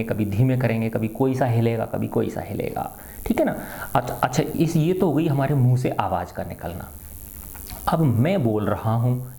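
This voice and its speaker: With a warm, creaky, medium-pitched voice, a middle-aged teacher lectures his class on science. He habitually answers his own questions and keeps adding a quick "है ना" to see if the students agree.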